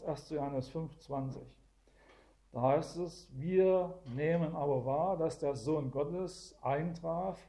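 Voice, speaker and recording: A man's voice: fairly high pitch, mellow. A man teaching the Bible to a small group, explaining verses one by one and often adding "gell?" to check that listeners follow. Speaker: preacher.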